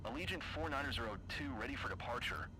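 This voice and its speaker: A man's voice: medium pitch, fast talker, poor audio. A man making clipped, formulaic pilot radio calls to the control tower through a cockpit headset. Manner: flat, formulaic read-back delivery. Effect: pilot radio call through a cockpit headset. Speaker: simulated airline pilot. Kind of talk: clipped air traffic radio phraseology.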